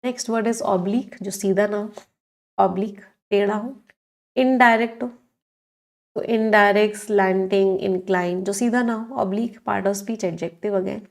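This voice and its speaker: A woman's voice: mid-range voice, fairly even intonation, moderate pace, vocal fry. Hindi-English mixing woman teacher. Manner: explains words in Hindi mixed with English, asks the class questions. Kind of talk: online exam-prep lesson.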